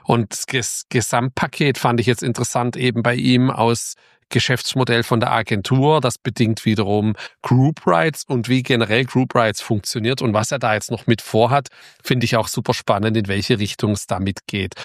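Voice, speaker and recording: A male podcast host opens his episode and then interviews his guest in a chatty, informal way, often restarting his sentences. His medium-pitched voice stays steady at a moderate pace, and the studio-quality audio has no room sound.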